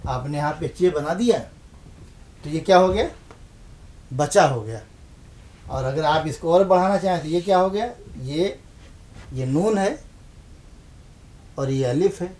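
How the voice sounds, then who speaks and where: Male teacher, slightly high voice, patient lesson delivery, repeats himself for emphasis. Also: long pauses, a little mellow. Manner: patient, asks questions then answers them himself; repeats key points for emphasis. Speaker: Urdu script teacher. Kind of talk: televised language lesson.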